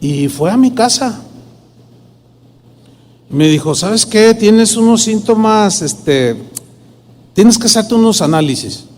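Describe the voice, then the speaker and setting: A male pastor preaches, telling a story and acting out each quoted line of dialogue. His voice sits high for a man. A long reverb from a church sanctuary trails behind every phrase. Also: lively intonation, takes it slowly, long pauses, a little mellow. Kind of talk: sermon with personal testimony.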